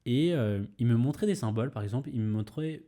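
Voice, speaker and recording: A man's voice: medium pitch, animated, fast, warm tone. A young man hosting a podcast, telling a personal story casually, rambling with fillers, restarts and mild swearing. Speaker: podcast host.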